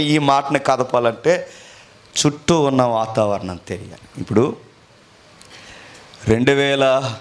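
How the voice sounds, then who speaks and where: A man preaching a sermon, dropping to low murmurs and rising to loud appeals, often asking the congregation questions.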